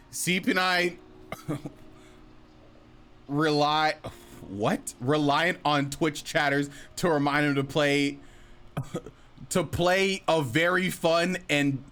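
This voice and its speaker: A man's voice: fairly high pitch, pushed and bright. A young man streaming from home and chatting casually with viewers, teasing them and laughing often. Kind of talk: casual chat reading viewer messages.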